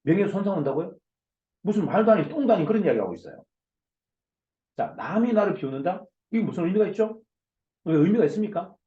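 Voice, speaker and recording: A man, a company CEO, giving a forceful motivational lecture over a video call, loud and emphatic, firing off rhetorical questions. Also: high voice, sing-song, quick pace, pauses often, echoey room, phone-quality sound. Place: online video session.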